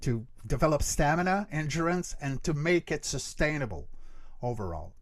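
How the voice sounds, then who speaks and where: A middle-aged man, a creature voice actor and vocal coach, appears as an expert interview guest, explaining earnestly and emphatically and often checking that the listener follows. His voice is fairly high and sing-song, at a moderate pace.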